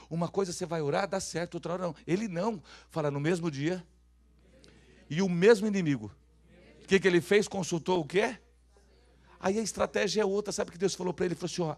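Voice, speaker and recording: High-voiced Brazilian pastor preaching with shouts. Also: male voice. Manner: swings from hushed asides to shouted calls for the congregation to repeat. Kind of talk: sermon.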